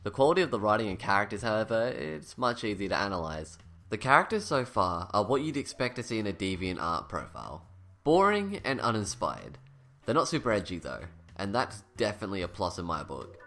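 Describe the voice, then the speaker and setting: A man's voice: on the low side, big pitch swings, fast, bright, forceful tone. A man with a lisp that slurs his s toward sh, reading a scripted critical review in a blunt, sarcastic, sweary way. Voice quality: lisp, slushy sh-like s. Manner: blunt, sarcastic, sweary, self-deprecating at times. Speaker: video reviewer. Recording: voice-over with music underneath. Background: background music.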